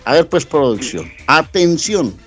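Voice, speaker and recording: High-voiced, excitable man on radio. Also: measured pace, husky, faint music behind. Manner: excitable, teasing, hypes news. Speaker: radio show co-host. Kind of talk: casual radio banter. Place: radio studio.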